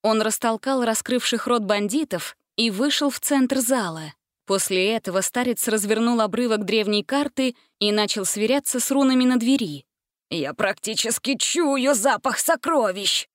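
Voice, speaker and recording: A woman reading a fantasy storybook aloud as narrator, in measured, clear narration. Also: a little high, dry recording, studio quality.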